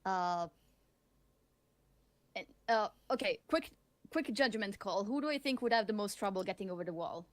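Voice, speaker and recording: A woman's voice: medium pitch, animated, moderate pace, pauses often, no echo. Hesitant woman player, dry sound. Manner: hesitant, full of fillers. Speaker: tabletop player. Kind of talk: casual tabletop chat.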